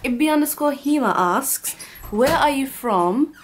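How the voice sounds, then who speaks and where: A woman's voice: sits high, a little slow, a little hiss or hum. A young woman, answering viewer questions in a casual, joking vlog. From Bangladesh. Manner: chatty and joking, lively asides. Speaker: YouTuber.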